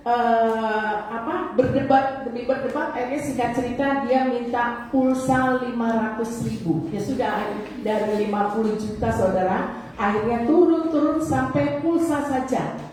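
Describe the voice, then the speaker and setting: A woman preacher with a high voice tells a story from the pulpit. She acts out the voices in it with lively energy. The sound is distant and heavily echoing in a large church hall. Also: a little slow, slight background noise. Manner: animated storytelling, acting out quoted voices. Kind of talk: sermon testimony. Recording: echoey church hall, mic far off.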